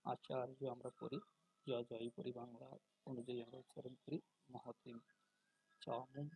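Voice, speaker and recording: A man teaching Sanskrit pronunciation, explaining in plain talk and then chanting words slowly and loudly. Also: medium pitch, level tone, vocal fry, slightly rough, rough recording. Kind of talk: spoken lesson on verse pronunciation.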